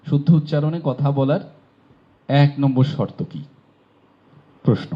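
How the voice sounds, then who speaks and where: A man's voice: medium pitch, measured pace. A man from Bangladesh teaching pronunciation in a classroom lecture, explaining patiently and asking rhetorical questions. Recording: dull lo-fi recording.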